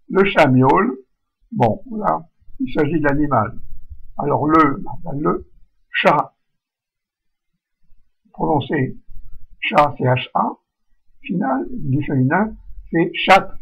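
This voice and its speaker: A man giving a recorded spelling lesson, slowly modelling vowel sounds aloud. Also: a little high, expressive, creaky, slightly rough, highs cut off. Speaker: French spelling teacher.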